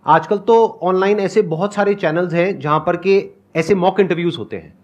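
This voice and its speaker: A man's voice: sits high, moderate pace, muffled recording. A man hosting a talk show, chatty, with a joking manner. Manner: chatty, jokes about himself. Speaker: show host.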